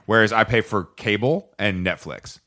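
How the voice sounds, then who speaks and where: A man co-hosting a podcast in casual chat, blunt, opinionated and quick to swear. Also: lowish voice, bright, forceful tone. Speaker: podcast co-host.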